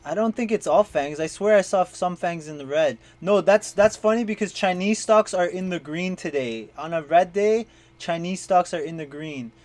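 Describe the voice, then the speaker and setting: A confident, teasing man hosts a stock-chat live stream. His voice sits fairly high for a man. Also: normal speed, darkish tone.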